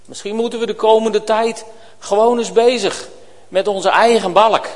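Male pastor, fairly high voice, earnest and pleading sermon delivery, long church reverb. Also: steady tone, normal speed. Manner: earnest, pleading, swings from loud to hushed.

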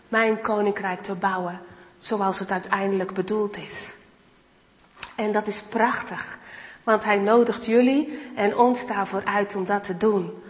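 A woman giving an enthusiastic guest sermon, acting out Bible dialogue as she speaks. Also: mid-range voice. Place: church hall. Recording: reverberant hall.

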